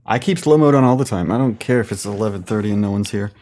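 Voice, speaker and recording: A man's voice: fairly low pitch, fast talker, mellow, a little hiss or hum. A man streaming a game, chatting casually in a blunt, offhand way. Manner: blunt, offhand, says "dude" a lot. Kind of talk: casual gaming stream chat.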